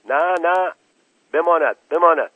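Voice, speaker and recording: A man's voice: a little high, animated, a bit bright, no echo. A man playing a barking, suspicious police inspector. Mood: commanding. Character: bossy shouting male police inspector. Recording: dull lo-fi recording.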